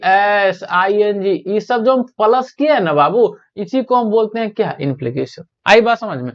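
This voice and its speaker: A male teacher with a Bihari Hindi accent runs an exam-prep lesson, asking his students questions and answering them himself. He stretches out each English question line slowly and deliberately. The recording sounds dull and lo-fi. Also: high-pitched.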